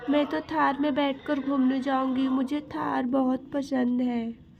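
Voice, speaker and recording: A woman's voice: high voice, flat delivery, a little slow, gravelly, muffled recording, faint music behind. A woman voicing a cheerful, eager little girl in a doll story.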